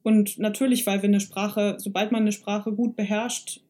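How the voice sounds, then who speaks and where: A woman's voice: mid-range voice, little pitch movement, moderate pace, warm tone. A woman with a mid-range voice talks as a guest in a casual, reflective way. She thinks aloud, often restarting as she works out her point. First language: German. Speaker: singer-songwriter, guest. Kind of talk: casual, reflective interview talk.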